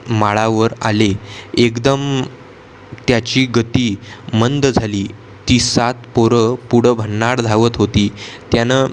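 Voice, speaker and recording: Slow, flat-voiced man reading a novel. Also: mid-range voice, slight background noise. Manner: slow, steady reading with frequent restarts of words. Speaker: audiobook reader.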